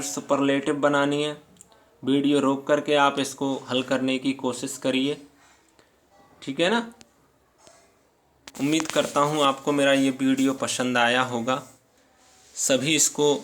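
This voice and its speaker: Slow, patient male English teacher. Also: mid-range voice, level tone, fairly bright tone. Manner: slow, patient, reads English lines aloud then explains; checks in often with "theek hai". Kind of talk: grammar lesson explained in Hindi.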